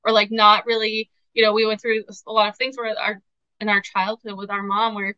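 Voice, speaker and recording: A woman's voice: mid-range voice, flat delivery, brisk, pushed and bright, clean tone, dry recording. A young adult woman co-hosting a casual podcast, talking in an emotional, rambling way with many filler words. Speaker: podcast co-host. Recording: slightly dull lo-fi sound, dry.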